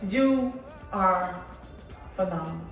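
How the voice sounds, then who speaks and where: An effusive woman over fifty talks warmly and repeats herself in casual chat. She sounds far from the mic in a very echoey room. Faint music plays behind her. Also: on the low side, expressive, slow pace. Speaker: friend on a group trip.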